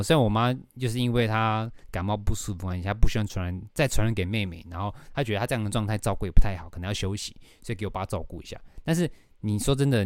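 A man's voice: lowish voice, clear, resonant tone, no echo, studio quality. A young man with a Taiwanese Mandarin accent, hosting a casual podcast and telling a rambling story with casual swearing. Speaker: podcast host.

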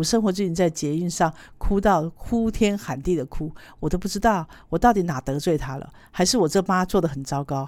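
Woman, teacher-host type, low voice, dry close sound, animated chatty storyteller. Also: no room sound. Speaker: early childhood educator. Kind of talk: podcast storytelling talk.

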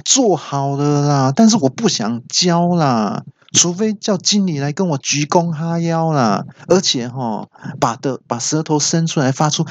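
A man voicing a rude, cocky male office coworker who drawls insolently and shouts in a high voice. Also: no echo, lo-fi sound.

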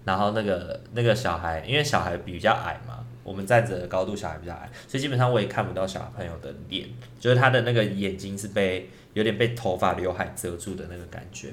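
Brief: low-pitched podcast co-host, rambling ghost-story teller with frequent restarts. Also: male voice, fast talker, hardly any pauses, a bit bright, a little hiss or hum. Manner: rambling, with many restarts and filler words. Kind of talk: casual ghost-story chat. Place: indoor recording at night.

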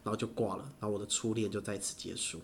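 A man, telling stories in casual chat, animated and laughing often. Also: lowish voice, racing, gravelly.

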